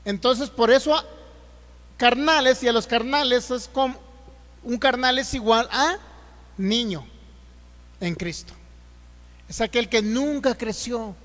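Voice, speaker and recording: A male pastor with a Mexican accent preaching a sermon, reading scripture slowly and loudly and then explaining it with rhetorical questions. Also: sits high, in a large hall. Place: church hall.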